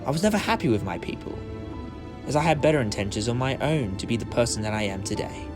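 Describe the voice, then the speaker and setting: A man's voice: mid-range voice, animated, quick pace, over music, close to an everyday voice. A man playing an earnest, kindly alien traveller hero who instructs others in a fan audio drama. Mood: gentle, reassuring.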